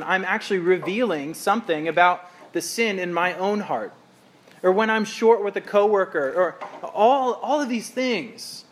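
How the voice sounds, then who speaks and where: Middle-aged male pastor with a high voice, earnest conversational sermon, faint background hiss. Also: a bit bright. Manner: earnest, reflective, conversational preaching with scripture readings.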